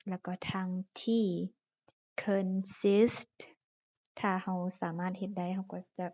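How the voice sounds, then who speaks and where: A woman's voice: fairly low pitch, completely flat delivery, a little fast, dry recording. A woman from Laos, an English teacher, patiently explaining English pronunciation and vocabulary and repeating each word carefully. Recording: dull lo-fi recording.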